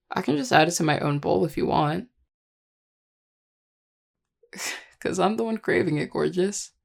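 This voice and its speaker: A performer voicing a charming, affectionate vampire lover in an intimate audio role-play, teasing and tender in a relaxed, gravelly voice. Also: medium pitch. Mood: playful, teasing. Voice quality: gravelly, heavy vocal fry. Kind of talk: intimate audio role-play, one-sided dialogue to listener.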